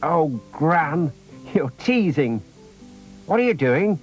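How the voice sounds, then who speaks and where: A man voicing excitable, eager small children in a children's story. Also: on the high side, slow pace, dull audio, soft background music, voice pushed up. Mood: eager, excited. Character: excitable small boy and girl, eager twins.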